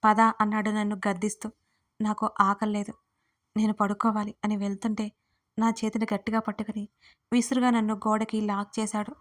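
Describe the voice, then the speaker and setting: A woman narrating a first-person audio story with a steady, even delivery. Her pitch stays level and flat, sitting in a middle register for a woman. She speaks straight to her listeners. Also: a little fast.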